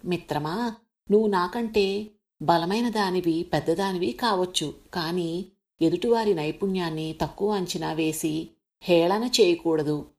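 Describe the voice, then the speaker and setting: A woman voicing a calm, wise little ant. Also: lowish voice, measured pace. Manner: gentle, fearless, advising.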